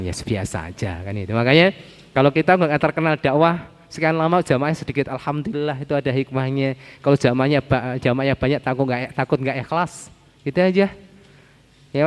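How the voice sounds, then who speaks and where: A man giving a lively sermon, telling stories with animated shifts in voice and quoting Arabic verses. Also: on the high side. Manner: animated storytelling, mixing Arabic phrases, laughs. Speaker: preacher. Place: mosque or Islamic center hall. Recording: long hall reverb.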